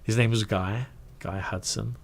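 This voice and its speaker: A middle-aged man telling a career story in a casual, animated way, acting out quoted voices and trailing into asides. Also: fairly low pitch, a little slow, gravelly. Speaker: guest recounting his career.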